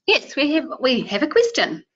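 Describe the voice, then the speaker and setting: A woman's voice: high-pitched, huge pitch swings, normal speed, a bit bright, husky. A woman with a New Zealand accent moderating a webinar, politely passing along questions from the audience. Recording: muffled online webinar audio.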